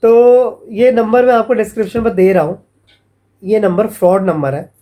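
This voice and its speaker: A man's voice: high-pitched, steady tone, normal speed, mellow. A man, vlogging in a casual, chatty way and calling his viewers friends as he mockingly retells scam calls. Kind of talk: casual vlog warning viewers.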